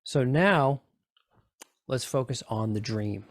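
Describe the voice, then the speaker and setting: A man with a mid-range voice leads a group through guided relaxation and tapping, speaking slowly with coaxing, repetitive instructions and frequent short check-in questions. The recording is clean studio sound with no echo.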